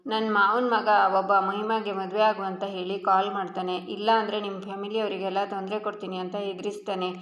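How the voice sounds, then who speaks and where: A woman voicing a calm, matter-of-fact young husband. The recording has a roomy echo. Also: medium pitch, brisk, hardly any pauses, natural voice.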